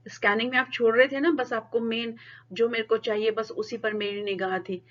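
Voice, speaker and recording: A woman teaching a lecture class, explaining in Hindi mixed with English and reading English definitions slowly and deliberately. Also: medium pitch, fairly bright tone, lo-fi sound.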